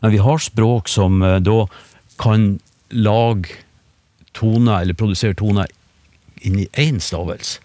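A low-voiced man talks through speech sounds in an unhurried, explanatory way, often pausing on fillers and restarting phrases. The studio sound is close and dry. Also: dry recording. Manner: relaxed, hesitant, many fillers and restarts. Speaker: phonetics expert. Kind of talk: explanatory radio conversation. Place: radio studio.

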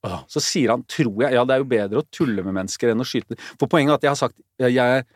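A man chatting as a guest, telling a story with lively acted-out voices and sudden shouts. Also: medium pitch, dry recording, clean studio sound. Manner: animated, acts out voices and shouts in his stories. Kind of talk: casual podcast chat, lively storytelling.

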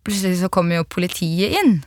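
A young woman giving a vivid eyewitness account in an interview, acting out the shouts of people around her. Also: fairly low pitch, expressive, dry recording, clean studio sound. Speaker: interviewee, partygoer.

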